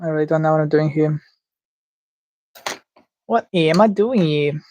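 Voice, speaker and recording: A Latvian livestreamer, whose first language is Latvian, muses while drawing live, offering casual commentary as he thinks aloud in an unsure, self-mocking way. The voice is medium-pitched, unhurried, and darkish, with slight background noise.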